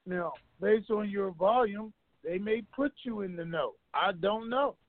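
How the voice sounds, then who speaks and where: A man's voice: high-pitched, unhurried, no room sound. A man talking in a rambling, offhand way as a regular guest, heard over a conference phone line. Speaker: regular guest on a call-in show. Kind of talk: casual phone call talk. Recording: tinny dry phone line.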